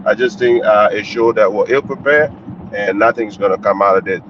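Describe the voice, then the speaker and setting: A man's voice: fairly low pitch, normal speed. A man calling in on a car speakerphone while driving, giving blunt, candid commentary in a casual call-in style. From Liberia. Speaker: caller commenting on the news. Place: inside a moving car. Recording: muffled lo-fi phone line with faint road noise.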